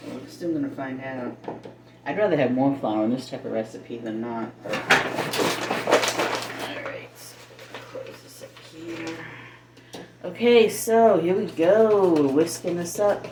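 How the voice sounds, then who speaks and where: Her voice is deep and her pace measured as this middle-aged woman demonstrates home cooking, chatting in a casual, rambling way and thinking out loud. The indoor home-kitchen recording comes from a camera set slightly back, giving a roomy, distant sound with faint noise and the clatter of the kitchen.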